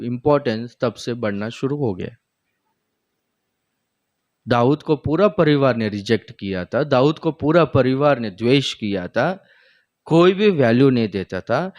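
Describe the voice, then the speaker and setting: A male pastor from India delivers a sermon, retelling stories with quoted dialogue. His pitch rises suddenly, and he often breaks into exclamations of praise.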